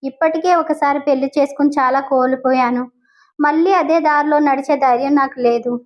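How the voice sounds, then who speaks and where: Woman voicing a calm, dignified young mother. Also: high-pitched, brisk, natural voice. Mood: restrained. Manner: calm, restrained, polite.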